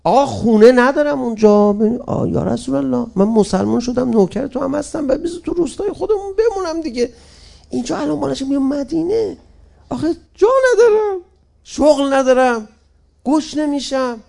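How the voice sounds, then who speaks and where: A reluctant village farmer , put on by a male preacher, pleads and makes excuses in a high, whining voice. The voice keeps climbing far above his normal register and carries a gravelly rasp. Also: animated, dark tone, heavily acted. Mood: pleading.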